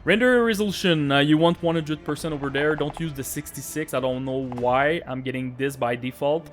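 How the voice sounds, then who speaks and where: Chatty French Canadian man, slightly high voice. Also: fairly quick, faint music behind. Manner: chatty, repeats "really important", hesitant fillers. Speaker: gaming tech YouTuber. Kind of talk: casual screen-recorded tutorial.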